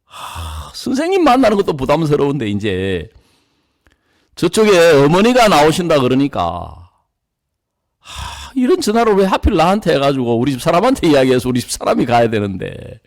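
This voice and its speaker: A man's voice: fairly high pitch, huge pitch swings, moderate pace. A middle-aged man, a pastor telling a story from his own life in a sermon, acting out the people in it.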